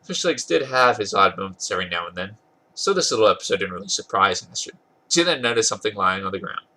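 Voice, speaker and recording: The podcast host reading this fan fiction has a lowish, husky, congested voice, pushed and bright, and he's animated and fast. He gives the comic story an amused dramatic reading, sometimes tripping on words and correcting himself.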